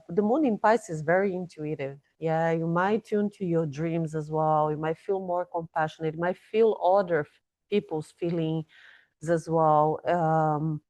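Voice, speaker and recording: A woman's voice: on the low side, warm tone, no echo. A woman giving a weekly astrology forecast, talking unscripted, often repeating and restarting words, a little breathless. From based in Dubai. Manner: hesitant, repeats words and restarts, fillers like "you know" and "yeah?". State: a bit breathless. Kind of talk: unscripted explanatory talk.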